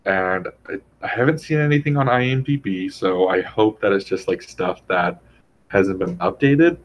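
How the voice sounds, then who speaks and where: A young man in casual chat, rambling and animated as he retells things, heavy on "like". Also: low voice, normal speed, lo-fi sound.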